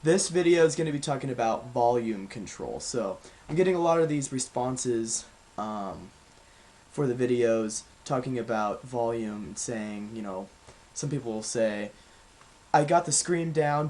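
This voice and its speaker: A man's voice: medium pitch, unhurried. Young man casually teaching vocal technique. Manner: relaxed, rambling, with fillers. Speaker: vocal coach. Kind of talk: casual video lesson.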